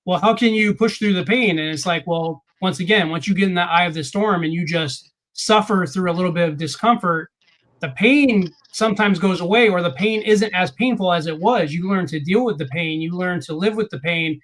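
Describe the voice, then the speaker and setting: A man's voice: high voice, fairly quick, a bit bright. Earnest man hosting a podcast. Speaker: podcast host. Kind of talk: casual podcast conversation.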